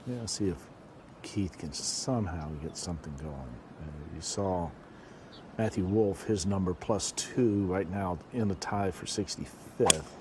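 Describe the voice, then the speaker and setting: A man's voice: sits low, unhurried, background noise. A man giving conversational live golf commentary, repeating phrases for emphasis.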